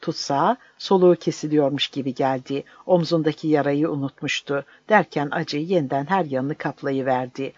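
Guy reading a story aloud, slightly higher voice, flat dull audio. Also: normal speed, few pauses. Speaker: narrator. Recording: dull dry lo-fi recording.

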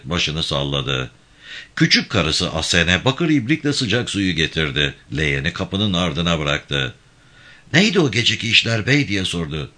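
A male narrator reading a village tale aloud with measured, steady storytelling. His voice is very deep yet bright and forceful, and it moves through a lively pitch range.

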